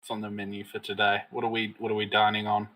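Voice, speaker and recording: A man's voice: fairly low pitch, completely flat delivery, fast talker, a bit bright, poor audio. A man co-hosting a casual chat show, rambling with lots of fillers and laughing often. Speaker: co-host.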